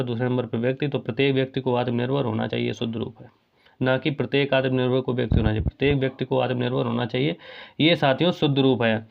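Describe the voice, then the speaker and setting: Guy teaching hindi grammar, says stuff twice, mid pitch, kinda muffled recording. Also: gravelly. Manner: repeats key phrases, addresses students as friends. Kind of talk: exam prep grammar lesson.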